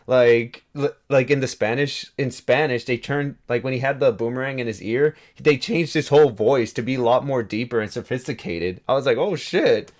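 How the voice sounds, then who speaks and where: A man's voice: medium pitch, normal speed, hardly any pauses. A man chatting casually on a podcast, rambling, with lots of "like" and swearing. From Mexico. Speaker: podcast co-host. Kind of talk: casual chat.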